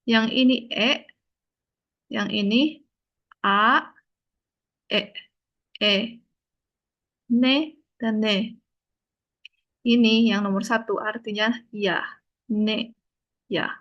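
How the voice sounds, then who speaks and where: A woman's voice: mid-range voice, fairly even intonation, slow, pauses often. A woman teaching a Korean lesson in an online class, repeating and spelling out each point patiently. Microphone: video call. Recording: lo-fi video call audio.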